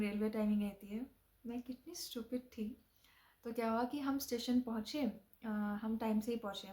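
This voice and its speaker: A woman's voice: fairly high pitch, mellow. A young woman from Assam telling a personal story casually, with fillers and restarts and bits of English mixed in. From Assam, India. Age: young adult. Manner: chatty, frequent fillers and restarts, mixes in English phrases.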